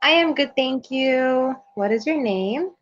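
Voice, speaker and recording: A woman with a South African accent, tutoring English in a chatty, unhurried conversation over a video call. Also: high voice, lively intonation. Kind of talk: casual conversation practice. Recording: muffled lo-fi call audio.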